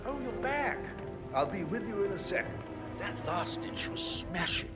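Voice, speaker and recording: A posh, high-voiced diner. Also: male voice, very animated, unhurried. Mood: indulgent. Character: wealthy male diner, pleased and indulgent. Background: game music.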